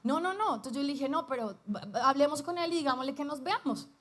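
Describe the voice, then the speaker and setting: A high-voiced young woman pastor. She preaches a lively sermon, turning to the congregation with questions as she tells her story. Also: fairly quick.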